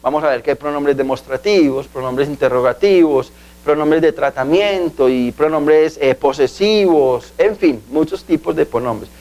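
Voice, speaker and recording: Male tutor, slightly raised pitch, patient and repetitive classroom delivery. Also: moderate pace, darkish tone. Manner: patient, repeats key words and asks "¿sí?". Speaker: language teacher. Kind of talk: video language lesson.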